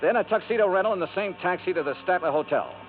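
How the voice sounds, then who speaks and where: Here the same noir role, a dogged and wry insurance investigator who narrates as lead detective, is voiced by an American man whose voice sits high and moves fast and expressively. Clipped, dry and brooding, it's 1950s radio acting heard through a tinny old broadcast with music behind it.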